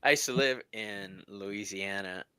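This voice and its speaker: Slow, bright-voiced giggly man. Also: on the low side, smooth, no room sound. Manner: giggly, self-mocking banter. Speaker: tarot reader and stream host. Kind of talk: casual live-stream tarot reading.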